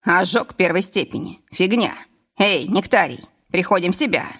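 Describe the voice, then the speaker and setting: A woman reading an audiobook, voicing a calm adult male driver who speaks in a dry, matter-of-fact way. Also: lowish voice, moderate pace, husky, full character voice.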